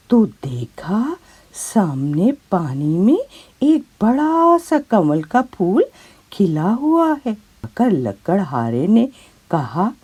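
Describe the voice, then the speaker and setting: Slow, expressive woman storyteller. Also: low voice, breathy edge. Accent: Urdu. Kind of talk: children's story narration.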